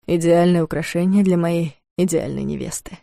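Woman reading a calm composed fiancé. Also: fairly low pitch, moderate pace, creaky, no room sound, studio quality. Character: calm self-possessed man, devoted fiancé.

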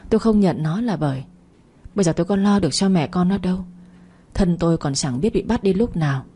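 A woman narrator voicing a bitter, proud older rich woman who talks curtly and scolds, in a low, husky voice. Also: mellow. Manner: curt, scolding.

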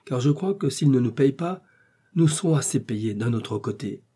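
A man voicing a bold young swordsman who gives orders in a raised, forceful voice. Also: medium pitch, animated, normal speed, husky, voice pushed up. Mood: commanding.

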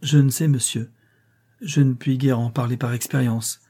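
A man's voice: mid-range voice, fairly even intonation, normal speed, dark tone, husky. A man reading the part of a polite, reserved young governess in an audiobook. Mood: composed. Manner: polite and composed.

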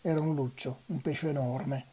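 A volunteer reader reading a novel aloud for a web radio reading marathon, in an unhurried, even way. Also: mid-range voice, husky.

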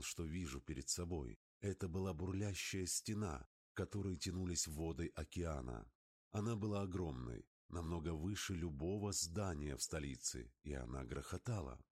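A man giving an expressive first-person narration of an adventure story as an audiobook. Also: deep voice, breathy edge.

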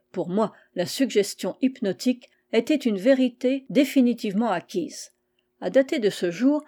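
A woman reading a literary story aloud as an audiobook, in a measured, even first-person narration. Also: mid-range voice. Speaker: audiobook reader.

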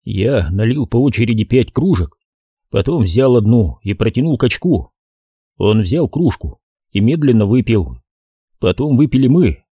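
A man's voice: mid-range voice, very animated, measured pace, warm tone, slightly rough, no room sound, studio quality. A man narrating a first-person army story, blunt and slangy, swearing often. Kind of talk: first-person audiobook narration of soldier prose.

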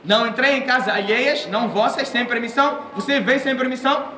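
High, bright-voiced man preaching. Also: a little fast. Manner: animated storytelling, acting out quoted voices. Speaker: Islamic preacher. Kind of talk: sermon. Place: mosque. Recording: echoey room, mic at a distance.

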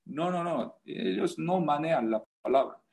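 Guy preaching a sermon, slow, lifts to loud emphasis, keeps asking the crowd questions. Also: fairly high pitch, gravelly. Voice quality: animated, rising to loud emphasis. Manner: non-native Spanish, emphatic repetition, rhetorical questions. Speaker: pastor.

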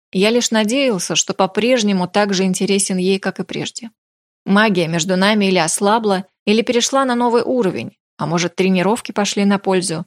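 A woman's voice: medium pitch, no echo. Woman reading an audiobook, dry sound. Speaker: audiobook narrator. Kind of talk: scripted audiobook narration.

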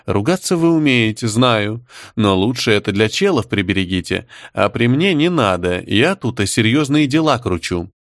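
Man doing a domineering clan mother, slow commanding delivery, lively pitch, dry close sound. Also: no echo. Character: bossy scheming clan matriarch, older woman.

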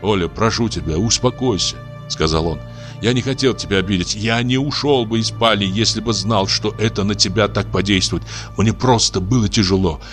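Man voicing a big gentle husband, low voice, soft tender pleading, faint music behind. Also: moderate pace, natural voice. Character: large, gentle, bewildered husband. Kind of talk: audiobook character voice.

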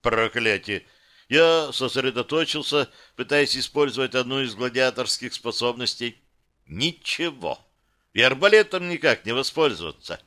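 A male audiobook narrator reading a fantasy story in the first person. His delivery is tense and terse, short clipped sentences in a bright, forward voice. The tone is smooth and clear throughout. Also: mid-range voice, animated, moderate pace. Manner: tense, terse inner monologue.

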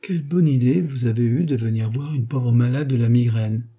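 A man voicing a languid bourgeois lady who speaks in a drawn-out, suffering way. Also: medium pitch, mellow, husky, lightly acted.

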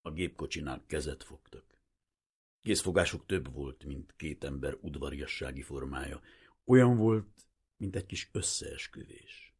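A man narrating a literary audiobook in a measured, expressive storytelling manner. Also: rumbling low, breathy edge.

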